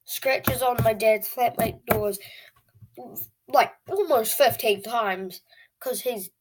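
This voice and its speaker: Speaking slowly in a mid-range voice, an eleven-year-old who hosts a video channel tells casual stories to the audience, all delivered with dramatic whining.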